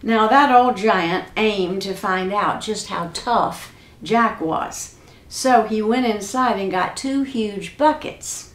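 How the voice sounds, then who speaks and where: A woman storyteller reading a folk tale aloud in an unhurried, folksy way. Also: medium pitch, roomy sound. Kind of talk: storybook narration.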